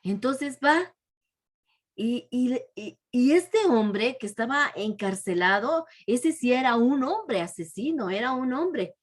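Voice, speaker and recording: Woman, children's Bible teacher, fairly high voice, storytelling with constant soft question tags. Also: lively intonation, slow pace. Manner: tags nearly every phrase with a soft, dropping question tag; frequent restarts and fillers.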